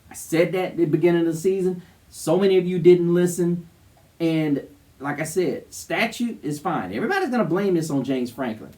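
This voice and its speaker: A man's voice: fairly high pitch, expressive, moderate pace, a little mellow, distant mic. A man co-hosting a sports show, giving casual, emphatic, opinionated commentary. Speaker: co-host of a college football show.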